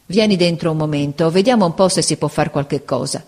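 A woman voicing a kindly older man in a storybook reading, calm and compassionate. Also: low-pitched, brisk. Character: kindly older bearded man, Spanish-speaking.

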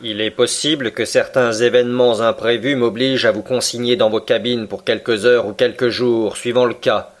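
A man voicing a cold, stern middle-aged submarine captain who speaks in a measured, unyielding way, in an audiobook reading. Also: mid-range voice, steady tone, natural voice.

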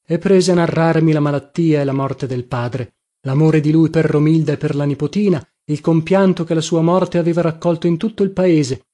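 A man narrating a novel in the first person, reading in a measured, reflective way. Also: on the high side, warm tone. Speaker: audiobook narrator. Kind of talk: scripted literary narration.

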